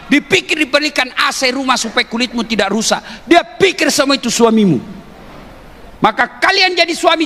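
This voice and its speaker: High-voiced, bright male preacher. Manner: jokey, teasing, often rising to emphatic shouts; addresses the audience directly with questions. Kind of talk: humorous sermon to a live audience. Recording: long hall reverb with faint background noise.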